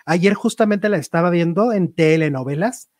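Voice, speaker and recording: A man with a slightly higher voice hosts a casual entertainment chat. He gossips with animation and acts out quotes playfully. The sound is dry and close. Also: moderate pace, a little mellow, no echo. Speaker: show host.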